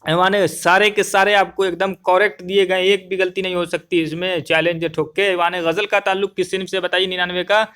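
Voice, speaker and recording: Male online tutor, young adult, higher-pitched; brisk, repetitive answer walkthrough addressing viewers as friends. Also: little pitch movement, pushed and bright, smooth. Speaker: teacher.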